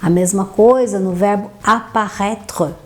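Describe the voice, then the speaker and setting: A woman teaching an online French lesson, upbeat, repeating each word slowly and clearly. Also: medium pitch, steady tone.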